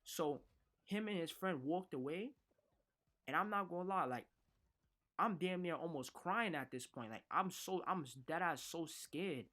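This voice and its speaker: A man's voice: a little high, animated, measured pace, fairly bright tone. A man tells a personal storytime in casual street slang. He rambles, restarts sentences and circles back as he goes. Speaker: vlogger.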